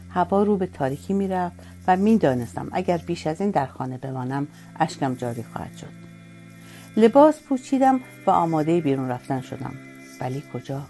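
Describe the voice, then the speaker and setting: A woman narrating a first-person story in a sorrowful, reflective way. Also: low-pitched. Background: soft music.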